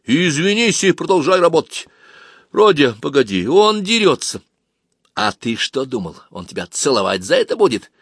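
A man reading a story aloud, voicing a gruff, bossy teenage stage manager who barks orders. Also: on the high side, very animated, normal speed, fairly bright tone, dry recording, clean studio sound, pitched above the performer's own voice, full character voice. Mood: stern, scolding. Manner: barking orders.

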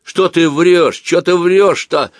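A man voicing a rough boy bully who shouts back defensively in a storybook reading. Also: sits high, steady tone, takes it slowly, no room sound, studio quality, pitched above the performer's own voice. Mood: angry. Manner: rough, loud and belligerent.

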